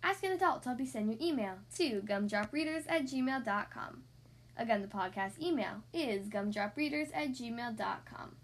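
A woman hosting a children's podcast, reading a picture book aloud in an expressive, sing-song way. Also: on the high side, moderate pace.

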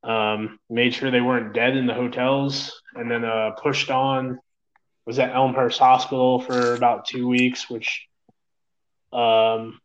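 A man's voice: medium pitch, little pitch movement, takes it slowly. A man from New York, an EMS medic talking in a casual interview, rambling with lots of fillers, swearing, and calling the listener "man". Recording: dull lo-fi recording.

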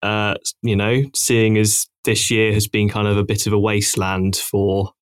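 Young male podcast host, low-ish voice, hesitant casual delivery, dry mic. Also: completely flat delivery, normal speed, clean tone, no echo. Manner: laid-back, hesitant, many ums.

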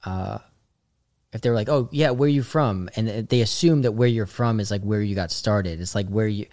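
A man's voice: on the low side, normal speed, darkish tone, dry recording, studio quality. A young man from the Boston suburbs, a guest telling stories in a rambling, filler-heavy casual chat. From Boston suburbs, USA. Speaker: guest, comedian.

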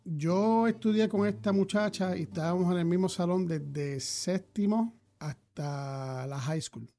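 Hesitant high-voiced man. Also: unhurried, warm tone, faint music behind. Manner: hesitant, many fillers and repeats. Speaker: podcast co-host. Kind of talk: casual chat.

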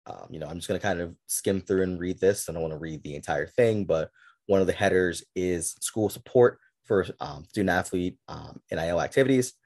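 A man's voice: low voice, fairly quick, a little mellow. A man hosting a casual sports podcast, talking loosely and sarcastically, with frequent restarts. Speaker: podcast host. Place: at home with a game on TV.

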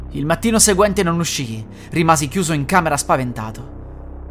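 A man reading a first-person horror story as a scripted narration, slowing down and dropping low and hushed on the dark lines. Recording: music bed under the voice.

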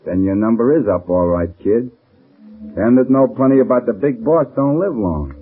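A man's voice: mid-range voice, expressive, normal speed, slightly rough. An actor playing a tough, surly gangster henchman in an old radio crime drama, talking in menacing street slang. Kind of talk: 1930s-40s radio crime acting. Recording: muffled old radio recording.

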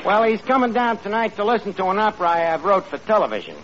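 In 1940s-50s radio comedy style, the lead actor plays a brash, blustering New York tavern manager whose slangy, ungrammatical speech clashes with his highbrow pretensions. His male voice is animated, fast, pompous, and slangy. The vintage radio recording is muffled, with a loud, noisy studio audience.

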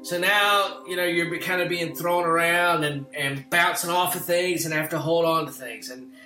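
A man casually recounting an ordeal at sea in an interview, animated and full of fillers. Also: on the high side, normal speed. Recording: roomy sound with music underneath.

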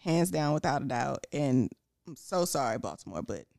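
A woman from Houston with a Houston accent, co-hosting a podcast in frank, animated casual chat. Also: very deep voice, normal speed, vocal fry, no echo. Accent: Houston Texas. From Houston, Texas. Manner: animated, laughing, frank and profane. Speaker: podcast co-host.

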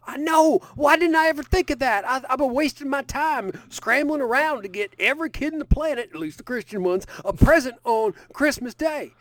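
A man's voice: extremely high pitch, animated, fairly quick, hardly any pauses, fairly bright tone, no echo. A man voicing a crude, boastful old Santa Claus with a Southern US accent, folksy and boisterous. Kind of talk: improvised comedy character bit.

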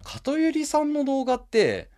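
A man's voice: very high voice, huge pitch swings, moderate pace, a little mellow. A man presenting a topic in casual podcast talk, explaining at length and laughing often.

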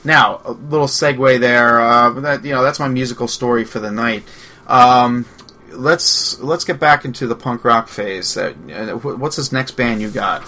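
Bright-voiced man telling a rambling story. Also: medium pitch, moderate pace. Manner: rambling storyteller, swearing, many fillers. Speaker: radio show co-host. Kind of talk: casual radio chat.

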